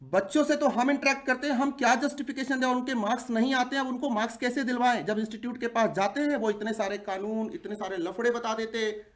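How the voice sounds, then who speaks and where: A man's voice: very high-pitched, steady tone, fast. A man of forty, an exam-prep teacher, giving an impassioned video address to viewers, indignant and full of rhetorical questions. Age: 40s.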